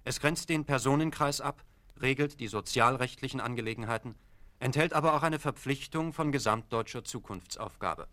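A man's voice: mid-range voice, fairly bright tone. Formal male documentary narrator. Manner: measured, formal delivery. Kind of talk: scripted narration.

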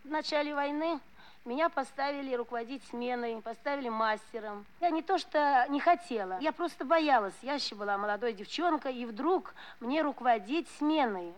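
A woman's voice: on the high side, rough recording. A woman, a veteran factory worker, recalling her past in plain, earnest, unpolished speech. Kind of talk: personal spoken reminiscence.

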